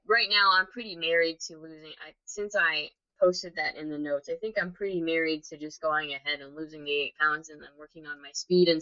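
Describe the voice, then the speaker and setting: A woman's voice: sits low, bright, forceful tone. A woman co-hosting a podcast, chatting casually with lots of "like" fillers. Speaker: podcast co-host. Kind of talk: casual chat. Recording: dull lo-fi sound.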